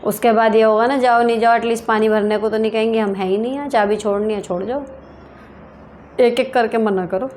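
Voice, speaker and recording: A woman's voice: a little high, fairly even intonation, fairly quick, a little mellow, a little hiss or hum. A woman hosting a casual advice talk, reading viewer questions aloud and answering them in a frank, direct way. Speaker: advice show host.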